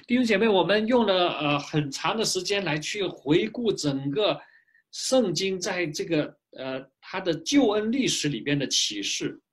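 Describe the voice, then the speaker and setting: A man with a somewhat high, husky voice delivers a sermon. His pitch rises and falls with real animation, and he sprinkles short filler particles between phrases. He sounds like he is talking to a webcam in a small home office. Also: normal speed. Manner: lively preaching with frequent filler particles. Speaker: pastor. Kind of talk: sermon with consecutive interpretation.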